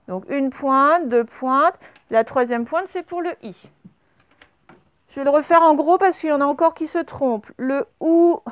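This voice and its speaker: High-voiced patient woman teacher. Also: no room sound, narrow, tinny audio. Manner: patient, spells words out letter by letter. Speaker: primary school teacher. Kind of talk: remote spelling dictation lesson for children. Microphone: camera.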